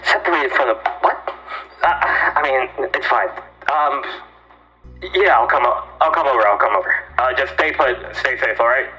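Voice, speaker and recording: Worried, protective father played by a male game master through a voice changer, loud and pushy. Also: medium pitch, normal speed, dull audio, soft background music, pitched above the performer's own voice. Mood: reassuring. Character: worried middle-aged father on the phone.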